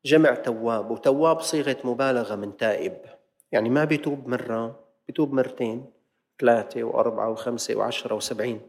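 Preacher in a reverberant hall. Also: male voice, mid-range voice, darkish tone. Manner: shifts between colloquial talk and slow, drawn-out classical quotations; voices the questions of worshippers. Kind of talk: lesson-sermon to a congregation. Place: mosque.

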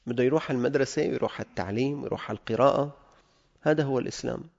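A man's voice: medium pitch, very fast, creaky, darkish tone, highs cut off. A man with a Levantine Arabic accent, teaching religious law. He reads a classical text aloud and explains it in dialect.

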